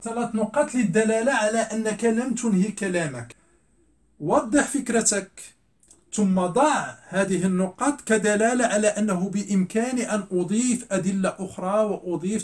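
A middle-aged man teaching a classroom grammar lesson, repeating words slowly and asking and answering his own questions. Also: high voice. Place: classroom with a blackboard.

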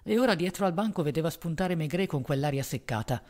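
A man narrating a novel as an audiobook in a measured, even reading voice. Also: fairly high pitch.

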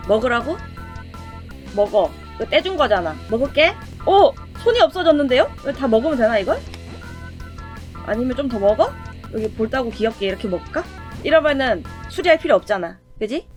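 A woman's voice: a little high, very animated, brisk, soft background music. A woman giving casual let's-play commentary with playful exclamations and chatty self-talk. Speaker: game streamer.

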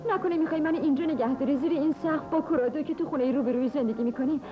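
A woman dubbing a young woman who pleads and whines through tears, her voice very high. The dub sounds dull and muffled. Clear music plays behind her. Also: natural voice. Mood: pleading. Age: young adult. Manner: whiny, pleading. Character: tearful, pleading young woman seeking money and escape. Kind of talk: Persian film dubbing. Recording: dull dubbed film audio with music.

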